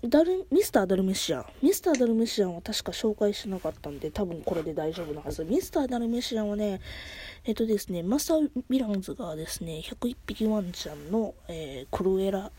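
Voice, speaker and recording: A woman's voice: mid-range voice, big pitch swings, fast, warm tone, a little hiss or hum. A middle-aged woman with a Kansai accent, hosting a casual solo podcast and rambling as she corrects herself. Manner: rambling, self-correcting, chatty. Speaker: podcast host.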